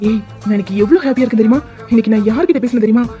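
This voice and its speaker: A woman voicing a cheerful, teasing young man in love in an animated series, with playful banter. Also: a little high, racing, soft background music, lightly acted. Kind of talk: animated web series dubbing.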